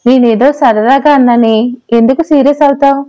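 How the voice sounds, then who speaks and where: A woman's voice: high-pitched, steady tone, fairly quick, mellow, highs cut off, close to an everyday voice. A woman voicing a young husband who teases and bickers with his wife, in an audio story. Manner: playful then exasperated bickering. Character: young husband, teasing, patient office worker.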